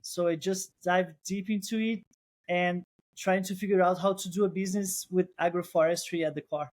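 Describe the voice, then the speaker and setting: This Brazilian-accented man, a co-founder and guest in an easygoing interview, talks at normal speed in a high, steady voice. He considers his answers, starting phrases over and speaking with non-native phrasing.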